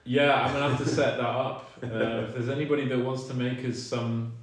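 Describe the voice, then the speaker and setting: A man's voice: medium pitch, little pitch movement, a little fast. A man co-hosting a live stream, chatting casually and thanking viewers one by one, his voice ringing in a big hall echo. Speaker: streamer co-host. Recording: very echoey room.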